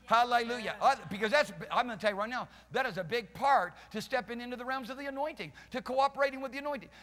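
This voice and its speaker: Before a live congregation, a pastor in his fifties paces a stage with band gear and preaches a fervent, emphatic sermon into his headset mic, gesturing as he goes. He talks at a quick pace in a very high, fairly bright voice, and the church hall adds long reverb.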